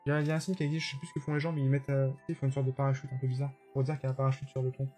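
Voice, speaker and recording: A man's voice: mid-range voice, completely flat delivery, very fast, warm tone, soft background music. A man live-streaming a game, chatting casually with his viewers and judging their levels bluntly. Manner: chatty, judges viewer levels bluntly, answers chat by name. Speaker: streamer playing a level-making platform game.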